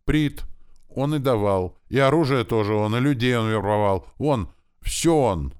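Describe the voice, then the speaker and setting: A man's voice: deep voice, big pitch swings, normal speed. A man voicing a frightened young male rebel leader who whines and begs. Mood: terrified. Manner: whining, begging, panicky.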